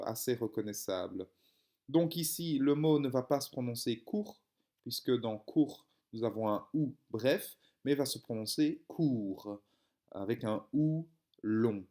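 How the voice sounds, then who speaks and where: A man's voice: mid-range voice, a little mellow. A young man, explaining a reading lesson step by step, with frequent hesitations and fillers. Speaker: teacher.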